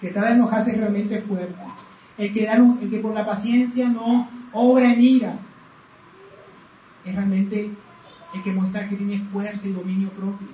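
A man preaching a sermon earnestly, asking rhetorical questions and slowing down to read scripture aloud. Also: high voice, level tone, mellow, a little hiss or hum. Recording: roomy, distant, dull sound with faint background.

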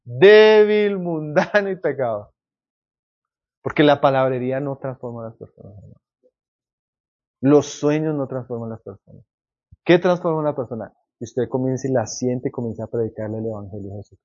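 A man preaching a sermon with passion, swinging between loud emphatic lines and quiet low ones, calling his listeners brothers. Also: fairly quick, muffled recording. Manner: repeats and addresses listeners as brother.

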